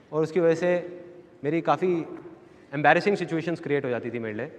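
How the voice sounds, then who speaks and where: A motivational speaker giving a seminar talk to a live audience, telling stories and acting out voices. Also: male voice, a little high, big-room sound, slight background noise. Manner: storytelling, acts out voices. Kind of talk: seminar talk with acted-out anecdotes. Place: large hall with a live audience.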